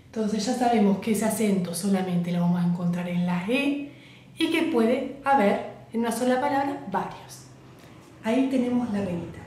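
A woman's voice: mid-range voice, dark tone. Echoey-voiced woman teaching French. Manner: patient, repeats words slowly for learners. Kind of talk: online language lesson. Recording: very echoey room.

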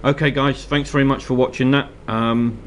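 A Scottish man with a medium-pitched voice and a slight cold talks at a normal speed, casually guiding viewers through painting miniatures at his hobby desk. A little hiss or hum runs under the audio. He's relaxed but hesitant and uses many fillers like um and uh.

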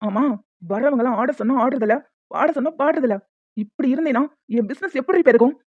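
In a cartoon dub, a woman voices a crude male loan shark, bullying and threatening in a menacing way. Her voice is high-pitched and fairly quick. The recording is dry and tinny, like a phone, with no echo.

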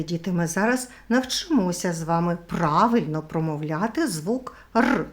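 A middle-aged woman leads a children's speech lesson, speaking slowly and very clearly. Her voice rises and falls in a lively sing-song, exaggerated so small children can copy her. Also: lowish voice. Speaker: teacher.

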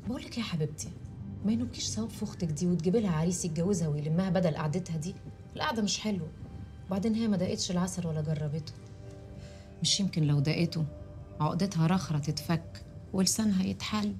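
An actress playing a sharp-tongued schemer, who talks in a sarcastic, insinuating Egyptian voice. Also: female voice, fairly low pitch, very fast, soft background music, lightly acted. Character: sharp-tongued, scheming woman needling a rival.

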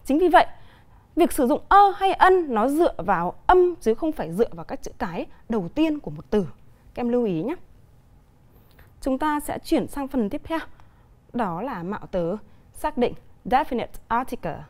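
Vietnamese-accented woman teacher, bright high register, patient televised lesson delivery. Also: very animated. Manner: clear, deliberate explaining with examples. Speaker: English teacher.

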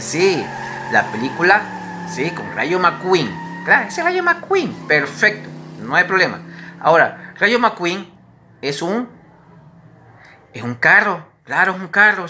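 A woman's voice: on the low side, bright, forceful tone, slight background noise. A woman teacher giving a recorded lesson to young children, chatty and patient, asking questions and having them repeat words after her.

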